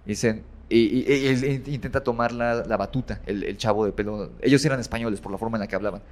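A man's voice: mid-range voice, steady tone, quick pace. A man casually retelling a horror story as a guest, rambling with many fillers and self-corrections.

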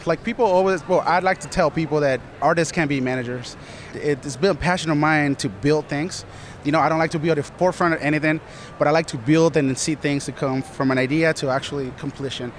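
Male guest from Colombia, earnest and rambling, slightly high, light outdoor noise. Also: fast. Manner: earnest, rambling, many "you know"s. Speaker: studio manager, guest. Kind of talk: casual interview answers.

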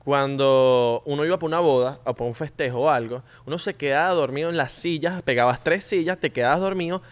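A man from Venezuela with a Venezuelan Spanish accent, co-hosting a podcast in relaxed, chatty banter. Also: on the high side, a little fast. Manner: relaxed, chatty, laughs along. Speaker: podcast co-host. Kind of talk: casual chat.

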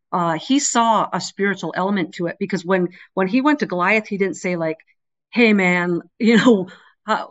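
A middle-aged woman speaking as an interview guest over a remote connection, earnest and emphatic in conversational testimony. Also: mid-range voice. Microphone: remote call connection. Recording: dull, band-limited remote call.

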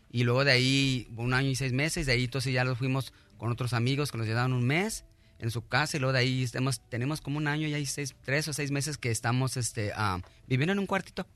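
Speaking as a guest on a radio show, a middle-aged man tells his own story haltingly and earnestly, restarting often and offering lots of thanks. His voice is medium-pitched and a bit bright, with no echo.

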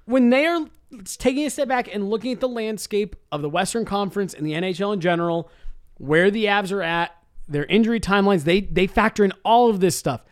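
High-voiced man talking hockey, dry sound. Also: fairly quick, smooth, no echo. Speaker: sports talk show co-host. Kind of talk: casual sports chat.

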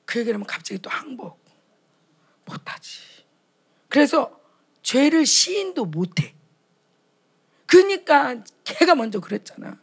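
High, husky woman preaching passionately. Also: big pitch swings, unhurried, long pauses. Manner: impassioned, acts out quoted dialogues. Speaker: speaker at a retreat for pastors' wives. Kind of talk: sermon.

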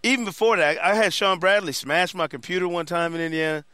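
A man co-hosting a sports podcast, telling stories in an animated, slangy way. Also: sits high, quick pace. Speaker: sportswriter and co-host. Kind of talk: casual sports chat.

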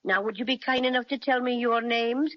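A man's voice: fairly even intonation, fairly quick, no echo. A man voicing a small, boastful teddy bear who speaks with an Irish accent and makes comic growls, in a 1930s radio drama. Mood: chatty. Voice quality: high, lilting, sing-song. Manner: playful, polite, with comic growls. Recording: dull old radio recording. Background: music.

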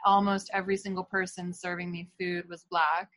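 Host: woman with a lower voice, thoughtful and careful, recorded dry. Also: little pitch movement, brisk, fairly bright tone, no room sound. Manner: thoughtful, hedging with fillers. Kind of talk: casual conversation.

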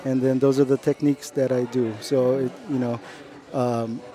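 A middle-aged man, a chef, talking about his restaurant in a relaxed, unhurried way with lots of fillers. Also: medium pitch. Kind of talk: casual interview chat.

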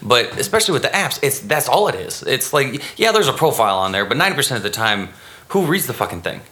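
A man in a casual chat, talking in a halting, rambling way with plenty of swearing. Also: mid-range voice, very animated, sharp tone. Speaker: comedian.

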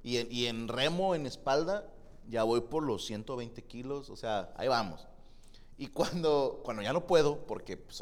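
Animated Mexican man with a bright, mobile voice. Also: mid-range voice. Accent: Mexican Spanish. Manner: slangy, expressive, gives earnest advice. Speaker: podcast co-host reading listener messages. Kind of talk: casual comedic chat. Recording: long reverb.

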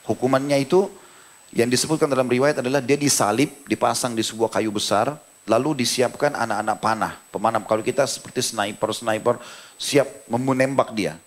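A male preacher from Indonesia giving a sermon, telling a story dramatically and then explaining scripture to his listeners. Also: mid-range voice. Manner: dramatic storyteller, voice rising and dropping with the tale. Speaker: Islamic preacher.

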